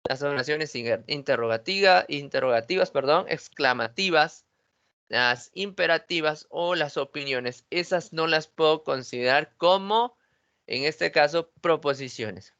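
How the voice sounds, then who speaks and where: A man's voice: on the high side, unhurried, a bit bright, dull audio. A man teaching an online logic class, who asks his students questions and then answers them himself.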